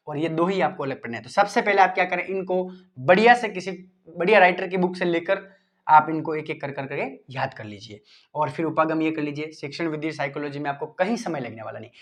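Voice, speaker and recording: Male teacher, fairly high voice, chatty repetitive study tips aimed straight at students. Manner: informal, repetitive, addresses students directly. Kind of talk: exam-prep study advice lesson.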